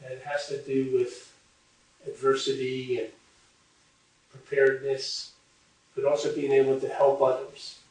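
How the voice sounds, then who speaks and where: A man slowly telling a moral parable, with pauses and fillers. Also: mid-range voice, a little mellow. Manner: slow, unhurried storytelling with pauses and fillers. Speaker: storyteller. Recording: very echoey room, far from mic.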